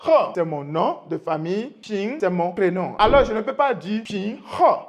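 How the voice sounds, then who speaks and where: A man from Benin, teaching a language lesson patiently and repeating example phrases slowly. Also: high-pitched. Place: room with a whiteboard.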